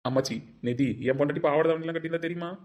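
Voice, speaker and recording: A woman's voice: low voice, very fast, darkish tone, lightly acted. A woman voicing an earnest, curious young village man in a cartoon, eager and questioning. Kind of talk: cartoon voice acting.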